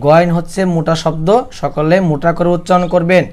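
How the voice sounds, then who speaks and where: A man from Bangladesh with a Bangladeshi accent, teaching Quran recitation, who chants verses slowly and drawn out, then explains quickly. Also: on the high side, flat delivery. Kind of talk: recitation lesson.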